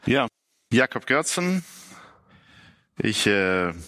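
A man in his sixties introducing himself on a church panel, halting with many filler sounds. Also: medium pitch, sing-song, bright, forceful tone, no echo, clean studio sound. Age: 60s. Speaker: panel guest, pastoral counselor. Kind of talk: casual panel talk.

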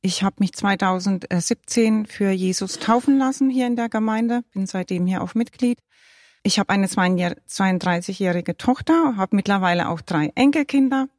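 A woman's voice: mid-range voice, normal speed, darkish tone, no room sound, clean studio sound. A woman in her fifties introducing herself on a panel in a straightforward way. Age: 50s. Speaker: panel guest. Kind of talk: personal testimony in a panel talk.

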